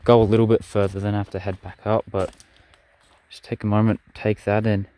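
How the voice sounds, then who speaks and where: A man's voice: on the low side, little pitch movement, fairly quick, warm tone. A young man, chatting in an easygoing, rambling way as he narrates his vlog and comments on a bushwalk. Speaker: vlogger.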